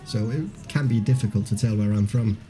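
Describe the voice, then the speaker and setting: A Danish man streams a game live, chatting loosely with viewers, reading their comments aloud and laughing easily, with plenty of fillers and restarts. His accent is a hard-to-place mix on a Danish base. His voice is lowish, mellow and fairly quick, with soft music in the background.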